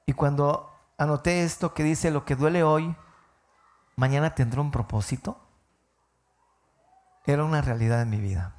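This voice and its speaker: Man, pastor, sermon, emotional storytelling, slightly high voice. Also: moderate pace, pauses often, a little mellow. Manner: emotional storytelling, voice rising and falling.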